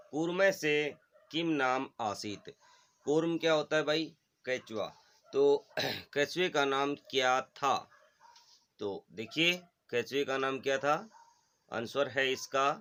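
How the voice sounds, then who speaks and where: Man teaching a lesson, says things slow and twice so kids copy him. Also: medium pitch, a bit bright. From India. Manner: slow, repeats each word for pupils to echo. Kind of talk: recorded Sanskrit lesson.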